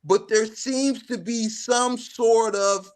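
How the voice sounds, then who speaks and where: Pushy high-voiced male debate host. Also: steady tone, slow, smooth. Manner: pushy, cuts in, repeats himself. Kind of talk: heated casual debate.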